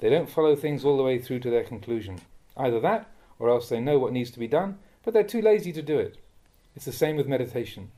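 Mellow-voiced monk reading a stern talk. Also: male voice, mid-range voice, lively intonation. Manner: measured and admonishing, rising sharply when scolding. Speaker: monk reading teachings aloud. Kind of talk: reading a Dhamma talk aloud. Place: monastery.

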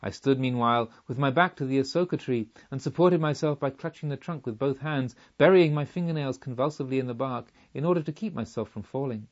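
A man's voice: mid-range voice, highs cut off. Man reading an audiobook somberly. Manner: measured, somber storytelling. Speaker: audiobook reader. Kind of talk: audiobook narration.

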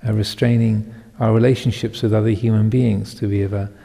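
Monk in his 50s giving a dhamma talk, slow and pausing, little chuckles, very dark mellow tone, echoey hall. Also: fairly low pitch, level tone, vocal fry. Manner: reflective, halting, with many pauses and soft chuckles. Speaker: Buddhist monk. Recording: long hall reverb.

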